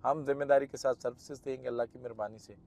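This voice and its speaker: Fast and steady, with a mid-range, gravelly, darkish voice, a property marketing host with a Pakistani Urdu accent narrates a site-visit vlog. He delivers emphatic, persuasive sales talk while touring the property from a moving car.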